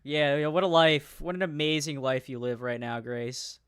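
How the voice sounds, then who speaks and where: A man's voice: on the high side, moderate pace, fairly bright tone, clean tone, no echo, studio quality. A man casually commenting on a clip, laughing often and mocking the speakers. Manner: laughs often, mocks in put-on voices.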